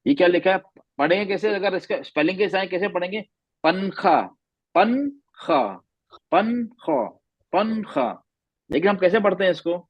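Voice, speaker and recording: Male recitation teacher, patient, demonstrates sounds slowly, slightly high voice, dull dry line. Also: dry recording. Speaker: Quran tajweed teacher. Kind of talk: online class instruction.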